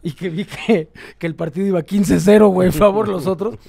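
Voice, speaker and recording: A man with a Mexican Spanish accent, a guest musician telling stories in an animated, slangy, profane way. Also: high voice, fairly quick, vocal fry. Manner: animated, slangy and profane, full of quoted voices. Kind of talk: casual storytelling.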